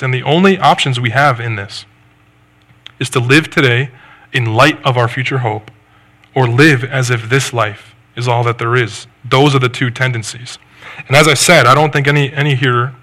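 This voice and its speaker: A male pastor delivering a sermon in an earnest, measured way. His voice is bright and forceful, pitched in a middle range. He builds his points with reflective questions.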